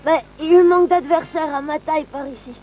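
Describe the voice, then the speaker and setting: A woman's voice: high voice, fairly even intonation, fairly quick, a little mellow, soft background music, natural voice. A woman voicing a boastful, grumbling young snowman in a children's cartoon.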